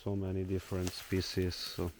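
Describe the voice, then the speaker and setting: A man's voice: low voice, monotone, moderate pace. A young man from Slovenia with a Slovenian accent, casually vlogging and thinking aloud while hiking through a forest. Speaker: solo traveler vlogger. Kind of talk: casual walking vlog. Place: forest outdoors. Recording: noisy outdoor nature ambience.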